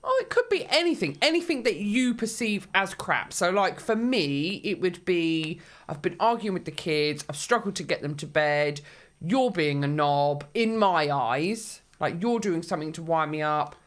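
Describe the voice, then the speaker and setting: Mum on a podcast, swears a lot, laughs a lot, voice jumps all over. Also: female voice, fairly low pitch, expressive, moderate pace. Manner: blunt and sweary, laughs often. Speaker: podcast co-host. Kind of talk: casual chat.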